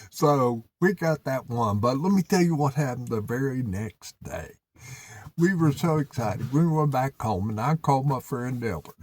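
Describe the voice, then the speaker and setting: Slow-talking, husky Appalachian man telling stories. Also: mid-range voice. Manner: folksy, drawn-out, animated country storytelling. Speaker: turkey hunter presenting his own video. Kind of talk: casual storytelling.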